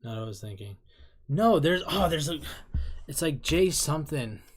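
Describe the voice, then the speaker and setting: Husky and fairly high-pitched, this thirty-something man speaks at a moderate pace with lively intonation. As a K-pop reaction YouTuber, he chats casually over a video, rambling, teasing himself and cracking up.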